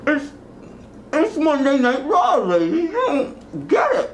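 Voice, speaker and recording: A man's voice: a little high, expressive, measured pace, a little hiss or hum. A man playing an overexcited wrestling superfan in a mockumentary, gushing in a fanboy way. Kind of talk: mockumentary acting.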